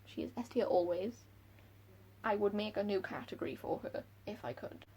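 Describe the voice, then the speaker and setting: A young Welsh-accented woman, a book vlogger, chats casually to camera about books in a room at home by a window, giggly and self-deprecating. Her voice is medium-pitched with lively intonation, normal speed, a dark tone and a breathy edge.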